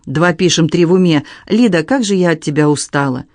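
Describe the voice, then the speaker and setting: A man's voice: on the high side, fairly quick, no echo, close to an everyday voice. A man voicing a strict, cold middle-aged stepmother who speaks evenly and dryly. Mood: cold, stern. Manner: level, dry, coldly calm.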